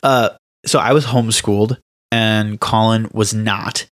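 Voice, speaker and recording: A man's voice: fairly low pitch, unhurried. A young man co-hosting a podcast, chatting casually and telling stories with emphasis and laughter. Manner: animated, laughing, emphatic storytelling. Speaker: podcast co-host. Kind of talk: casual chat.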